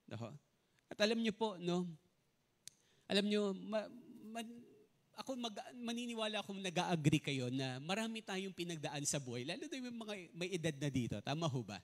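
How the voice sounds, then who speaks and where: A man's voice: high voice, lively intonation, normal speed. A man preaching a sermon as pastor, often mixing in English and asking the congregation if they follow. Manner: mixes in English, asks the congregation questions often.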